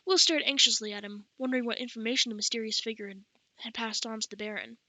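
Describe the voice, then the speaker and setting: A woman's voice: on the high side, fast talker, pushed and bright, no echo, rough recording. A woman narrating an audiobook, who corrects her own reading slips aloud as she goes. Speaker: audiobook reader.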